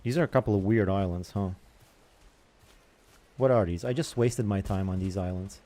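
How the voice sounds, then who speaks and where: A man's voice: deep voice, normal speed, dark tone. A young man hosting a gaming channel, rambling in casual chatter as he plays and comments on other games.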